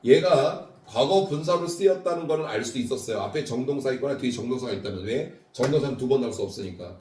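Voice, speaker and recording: A man's voice: medium pitch, a little mellow. A man teaching English grammar to a class, explaining step by step and quizzing his students with questions. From South Korea. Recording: roomy classroom sound from far off.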